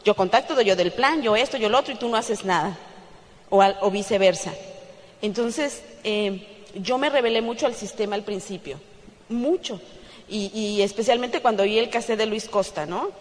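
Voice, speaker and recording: A woman's voice: mid-range voice, normal speed. Mexican lady telling her story at a convention, acts out the dialogue, laughs a lot, big echoey hall. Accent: Mexican Spanish. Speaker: speaker at a business convention. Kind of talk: testimonial speech to an audience. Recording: long hall reverb.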